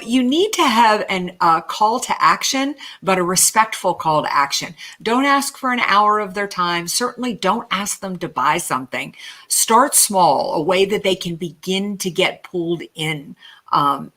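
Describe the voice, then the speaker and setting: Woman, podcast co-host, low pitch, chatty, casual. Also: bright, forceful tone. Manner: chatty, with frequent um fillers. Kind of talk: casual sales podcast talk.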